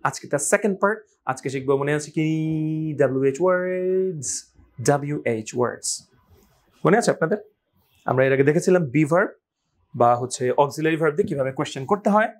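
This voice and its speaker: A man teaching English pronunciation, repeating each word slowly and asking listeners to say it aloud. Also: on the high side, lively intonation. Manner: slow, repeats words for drill, asks viewers to say them aloud. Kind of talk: spoken language lesson.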